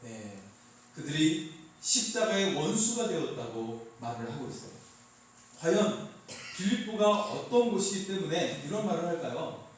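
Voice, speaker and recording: Echoey preaching man, a bit high. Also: sing-song, normal speed, slight background noise. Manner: light and joking, quizzing the congregation. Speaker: pastor. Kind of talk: sermon. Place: church sanctuary. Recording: echoey hall, heard from a distance.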